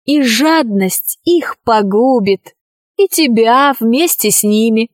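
A friendly female ghost from a storybook, voiced by a woman reader, speaking in a raised, light and gently wry voice. Her lines come slowly, recorded close and dry. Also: on the high side, lively intonation, no echo.

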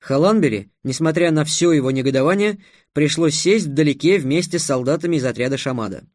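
A man reads a novel aloud in a steady, wry storytelling voice. His pitch sits a bit high for a man, and the sound is dry and close with no room echo. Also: fairly quick. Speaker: audiobook narrator. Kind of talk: scripted narration.

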